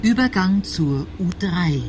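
Female transit announcer: lowish pitch, unhurried, formal scripted station calls. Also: lively intonation.

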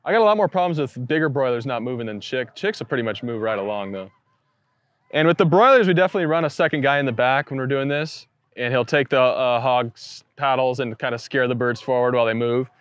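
A man in his thirties talks through his farm business outdoors on a pasture, relaxed and matter-of-fact. His voice sits at an ordinary middle pitch, recorded on a clip-on mic out in the open air. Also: fast, dry recording. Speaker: pastured poultry farmer. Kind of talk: casual farm tour talk.

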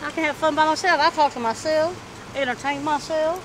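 A middle-aged woman chatting candidly in a street interview, animated and talkative, in an outdoor parking lot. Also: high voice, brisk. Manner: animated, chatty, acts out quoted voices. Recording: street noise in the background.

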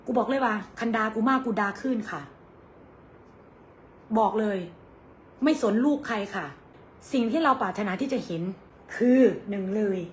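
A woman's voice: a little high, normal speed, long pauses, slight background noise. A young woman with an Isan Thai accent, bluntly scolding her rivals on a livestream in crude, angry words.

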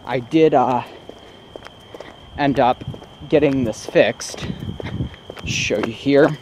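Speaking very slowly in a medium-pitched, somewhat dark voice, a young vlogger shows off his parked car, wandering through his thoughts with frequent ums. It's shot on a handheld camera using its built-in mic, so the audio is poor and carries slight background noise.

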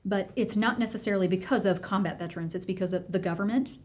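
A woman's voice: mid-range voice, fast talker, darkish tone. Engaged woman therapist analyzing behavior. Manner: engaged, analytical, frequent affirmations. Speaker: mental health therapist. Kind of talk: casual podcast conversation.

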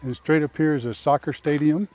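Outdoors in a park, this older vlog host and tour guide leads a relaxed walking tour through a lapel mic, homespun and straightforward. He speaks fairly quickly in a slightly high, darkish voice with fairly even intonation.

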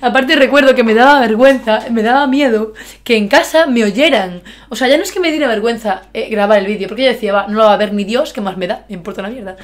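In a bedroom vlog, a YouTuber in her twenties from Galicia, Spain, talks in a Galician Spanish accent, chatting excitedly and poking fun at herself. Her voice is on the high side and she speaks fast, breaking into bursts of shouting and laughter during this casual reaction vlog. It was recorded indoors on a webcam with an earphone mic.

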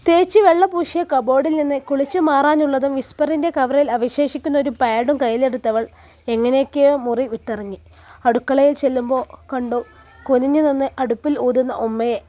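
Woman, Malappuram Malayalam accent, high voice, calm storytelling narration. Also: fairly quick.

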